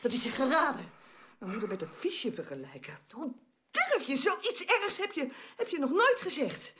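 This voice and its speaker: An actress playing a worried, indignant wife in a radio play, scolding with insistent rhetorical questions. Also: female voice, medium pitch, very animated, fairly quick, background noise, lightly acted. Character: anxious, indignant wife, middle-aged woman.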